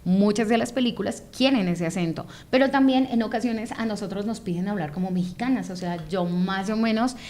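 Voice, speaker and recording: Talking fairly quickly with hardly any pauses, a Bogotá-born voice actress with a local Colombian Spanish accent describes her work in an interview. She is expressive, slipping into demonstration voices mid-sentence in a medium-pitched voice.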